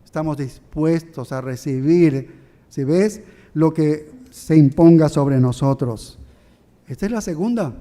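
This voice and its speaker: Pastor, male, mid-high warm voice, preaching and quizzing his listeners. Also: slow pace. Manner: preaching with rhetorical questions to the congregation. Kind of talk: sermon.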